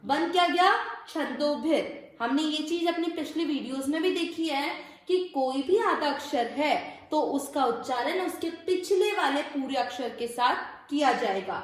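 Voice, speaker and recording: A woman's voice: sits high, animated, normal speed, few pauses. A woman teaching Sanskrit verse pronunciation step by step, patiently repeating syllables and asking rhetorical questions. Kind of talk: step-by-step recitation lesson. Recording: very echoey room.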